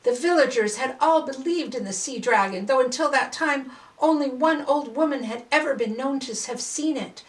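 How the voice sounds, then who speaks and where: An older woman with a high voice reads a children's story aloud, expressive and deliberate, with dramatic pauses.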